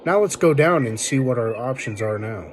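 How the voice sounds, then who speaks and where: A man's voice: mid-range voice, expressive, normal speed. Man giving a casual tutorial, faint background noise. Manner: informal, step-by-step explaining. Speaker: video tutorial host. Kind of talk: casual spoken tech tutorial.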